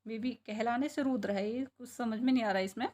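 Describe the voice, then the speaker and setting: A woman's voice: fairly high pitch, brisk, dark tone. A woman teaching a class, spelling out words sound by sound and asking questions she answers herself. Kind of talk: classroom lesson.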